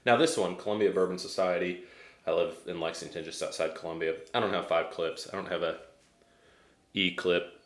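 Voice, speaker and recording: A deep-voiced American man gives a casual tasting review. He talks hesitantly, working out his thoughts as he goes. The sound is roomy, with noticeable echo. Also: steady tone, brisk. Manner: hesitant, thinking aloud. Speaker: whiskey reviewer.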